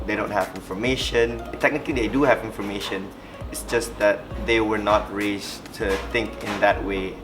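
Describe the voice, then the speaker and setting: A young man from Sarawak, Malaysia, whose first language is Iban, speaks in a low, flat voice as the interviewee in a reflective personal interview. He is thoughtful and hesitant, often restarting, with music playing in the background.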